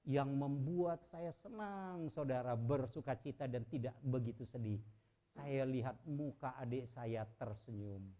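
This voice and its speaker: A middle-aged man giving an emotional sermon testimony, shifting between loud shouting and quiet, subdued telling. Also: medium pitch, measured pace, dull audio.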